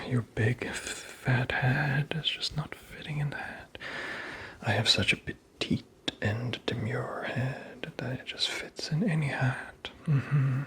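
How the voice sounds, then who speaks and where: Whispering, creaky Santa Claus played by a man. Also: mid-range voice. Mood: playful teasing. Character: teasing, vain, playful Santa Claus, old man. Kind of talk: ASMR roleplay.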